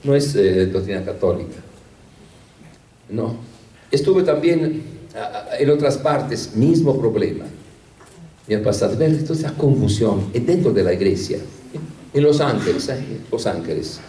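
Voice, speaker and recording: Older priest telling stories in an echoey hall. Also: male voice, medium pitch, lively intonation, unhurried, pauses often, warm tone. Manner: storytelling with rhetorical questions and hesitations. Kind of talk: anecdotal talk to a congregation. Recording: echoey room from a distance.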